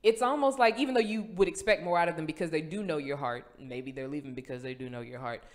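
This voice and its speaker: A young woman hosting a casual podcast, telling personal stories in an animated way and acting out the lines of the people in them. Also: quick pace. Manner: animated storyteller, acts out quotes with big pitch jumps. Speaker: podcast host.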